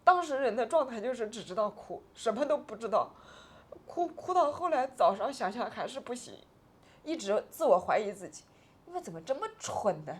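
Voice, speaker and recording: A woman's voice: on the high side, sing-song, moderate pace, breathy edge. A woman in her forties, an interview guest, telling a painful personal story with agitated, tearful swings between subdued and raised voice.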